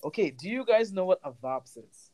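A woman's voice: on the low side, animated, moderate pace, warm tone, slight background noise. A woman co-hosting a podcast, talking bluntly and expressively in casual chat. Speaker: podcast co-host.

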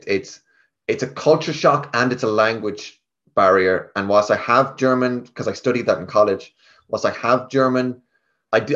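A man's voice: lowish voice, a bit bright, muffled recording. Chatty man with a west of Ireland accent. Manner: chatty, self-quoting, informal. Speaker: interview guest, tech sales team lead. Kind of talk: casual conversational storytelling.

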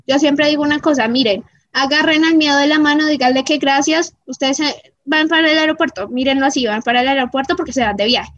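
Woman, motivational vlogger, high voice, emphatic, keeps checking in with the audience; muffled, dry recording. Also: fast talker, a bit bright, no room sound. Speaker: motivational speaker. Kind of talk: motivational talk to viewers.

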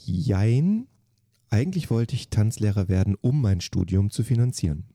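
Male dance teacher from Germany, deep voice, short matter-of-fact replies, dry sound. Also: lively intonation, normal speed, warm tone, no room sound. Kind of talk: quick-fire interview answers.

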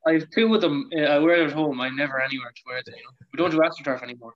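Over a dull, low-fidelity online call comes an Irish man with a fairly high voice for a male. He talks in loose, colloquial banter and swears freely, like a co-host chatting with friends. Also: racing. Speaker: podcast co-host.

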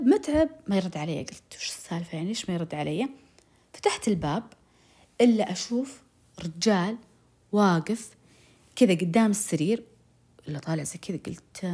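Brief: young woman, rapid dramatic storytelling, emotional, mid-pitched. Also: mellow, breathy edge. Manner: emotional, breathless retelling with oaths and direct appeals to listeners. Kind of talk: dramatic first-person storytelling to viewers.

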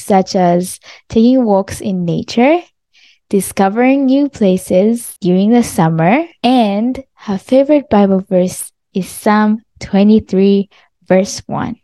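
A young woman hosting a faith podcast interview, friendly, asking quick questions and laughing often. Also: mid-range voice, mellow, dry recording, clean studio sound. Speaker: podcast host.

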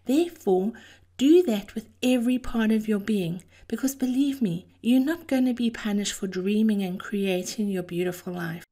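Female podcast host, soft-edged mellow tone, scripted encouragement delivered deliberately with affectionate, theatrical emphasis. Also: mid-range voice. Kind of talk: scripted motivational monologue.

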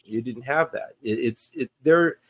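A man's voice: mid-range voice, measured pace, fairly bright tone. A man co-hosting a podcast, chatting casually about comic book movies and rambling with many fillers and restarts. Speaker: podcast co-host.

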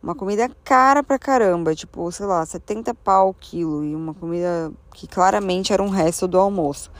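A Brazilian woman vlogger telling a travel story in a casual way. She acts out her own thoughts in a higher voice. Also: fairly quick, dry recording. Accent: Brazilian Portuguese.

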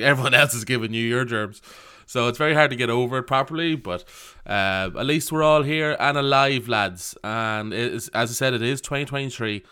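A man's voice: mid-range voice, bright, forceful tone, clear, resonant tone. An Irish man hosting a podcast in casual chat, with joking, teasing banter. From County Cavan, Ireland. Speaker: podcast host.

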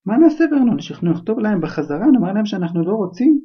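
A man's voice: sits high, big pitch swings, breathy edge, pitched above the performer's own voice, heavily acted. A man reading a story aloud, voicing a frightened middle-aged aunt who pleads in a panic. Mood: panicky. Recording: dull lo-fi recording.

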